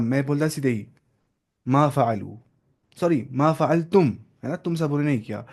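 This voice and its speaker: A male Arabic teacher with a warm, somewhat high voice runs an online grammar lesson, patiently drilling verb forms and repeating them aloud.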